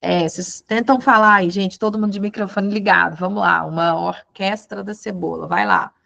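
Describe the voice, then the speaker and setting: A woman's voice: medium pitch, fairly even intonation, normal speed, gravelly, bright, forceful tone, dry recording, muffled recording. A woman teaching an online lesson, explaining patiently and checking in with short questions. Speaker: law teacher giving a German course.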